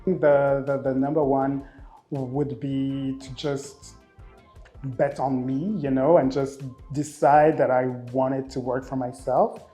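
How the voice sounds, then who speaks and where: A man in his thirties from Rwanda who grew up in Belgium, a makeup artist speaking casually in an interview, expressive and often repeating words as he thinks. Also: mid-range voice, slow, soft background music. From Rwanda, raised in Belgium.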